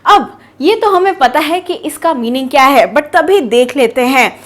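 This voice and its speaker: A woman leads an online pronunciation lesson. She quizzes her viewers playfully and stretches out key words to stress them. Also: high voice. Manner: lively and teasing, quizzes the viewers, drawn-out emphasis on words. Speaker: English teacher.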